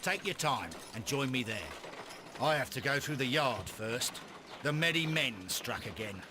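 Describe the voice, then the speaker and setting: A man's voice: medium pitch, animated, unhurried, noisy background, natural voice. A man playing an eager, deferential Victorian police inspector in a video game, briefing expressively in a British accent. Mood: businesslike.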